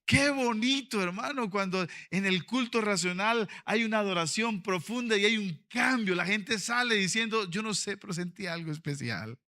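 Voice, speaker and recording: A male pastor, preaching a sermon in an auditorium. He moves from quiet storytelling to fervent, shouted passages. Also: high-pitched, lively intonation, normal speed, few pauses. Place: convention auditorium.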